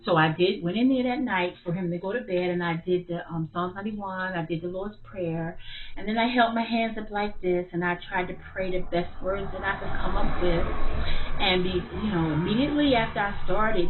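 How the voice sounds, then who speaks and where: A woman telling her story of spiritual struggle in a halting, hesitant way, full of fillers and restarts. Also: medium pitch. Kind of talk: personal spiritual testimony. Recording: tinny phone-like sound.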